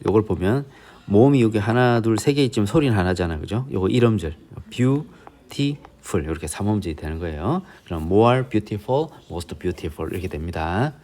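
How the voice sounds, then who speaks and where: A man's voice: lowish voice, warm tone. A male English teacher with a Busan accent, giving a grammar lesson step by step and often checking in with the students.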